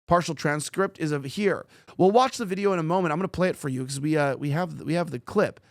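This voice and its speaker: A male host of a news commentary show talks fast and rambles, tossing in sarcastic asides. His voice sits fairly high. The recording is dry and close. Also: gravelly, no room sound.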